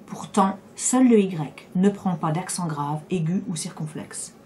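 A woman reading the part of a calm man obsessed with the letter Y, patient and quizzing. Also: on the low side, unhurried, slight background noise, natural voice.

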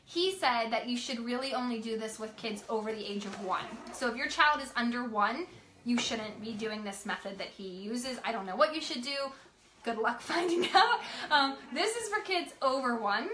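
A young woman vlogger chats with her viewers at home, a toddler nearby, laughing and retelling stories with quoted voices. Her voice is a little high, bright, animated and forceful at a moderate pace, and the room is echoey with a faint hum.

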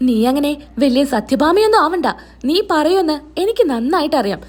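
Lady doing a sarcastic accusing mom, high voice that jumps around. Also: sing-song, brisk, darkish tone.

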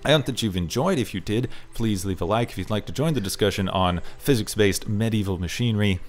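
A man's voice: lowish voice, fairly quick, soft background music. A young man hosting a gaming channel, giving rambling, self-deprecating commentary as he explains his build, his voice a little strained as he says he is losing it. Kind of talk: casual gameplay commentary.

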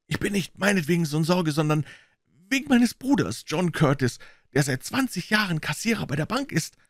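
A man reading aloud and voicing a hoarse, nervous, middle-aged bank clerk who speaks hesitantly. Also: high-pitched, lively intonation, a little fast, no room sound, studio quality, voice pushed up. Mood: anxious. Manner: anxious, hesitant.

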